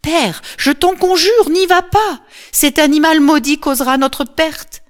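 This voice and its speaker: A woman voicing a desperate young Trojan prophetess who cries out high and pleading. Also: expressive, normal speed, natural voice. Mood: frantic.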